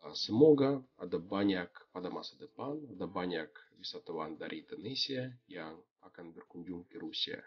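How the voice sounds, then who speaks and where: Deep, husky foreign-accented male Indonesian learner. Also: expressive, normal speed, few pauses. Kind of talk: prepared testimonial. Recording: slightly dull, lo-fi audio.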